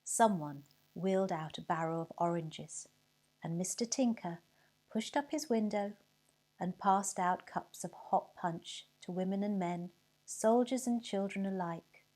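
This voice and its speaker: Slow mellow woman reading a story. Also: mid-range voice. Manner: expressive, whispers and cheerful shouts for effect.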